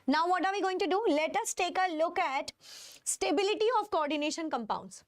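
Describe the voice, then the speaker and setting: A woman with an Indian accent gives a live lecture to students in a high-pitched voice. She repeats her phrases and questions with emphasis, checking that listeners follow. The sound is dry, with hardly any room in it. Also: lively intonation, moderate pace, no echo. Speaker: chemistry teacher.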